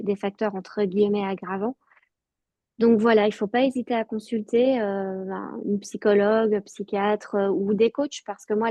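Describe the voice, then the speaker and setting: A woman giving a halting, earnest personal testimony over a video call. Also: medium pitch, warm tone, no echo. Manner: halting, many fillers and restarts, earnest. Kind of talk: personal testimony in an online talk.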